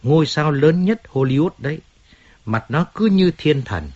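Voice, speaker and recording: A man reads a storybook character, a self-pitying, washed-up male singer who whines and rants bitterly about his ruined life. He pitches the voice a little higher and rougher, complaining, pleading, and resentful, with lively intonation, a darkish tone, and a moderate pace. The recording sounds slightly dull.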